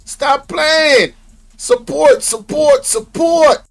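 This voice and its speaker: A man's voice: very high voice, drawn-out words, vocal fry, fairly bright tone. A man informally urging livestream viewers to show support.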